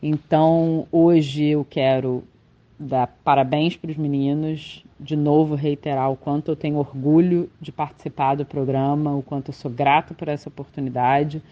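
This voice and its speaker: A woman with a Brazilian Portuguese accent, a professor giving a reflective podcast monologue with thoughtful, halting phrasing and frequent restarts. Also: sits low, flat delivery, lo-fi sound.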